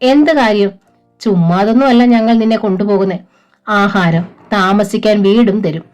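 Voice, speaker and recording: A woman voicing a smooth-talking male recruiter who coaxes a girl over the phone. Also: mid-range voice, normal speed, a little mellow, soft background music, lightly acted. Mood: coaxing. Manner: coaxing, persuasive.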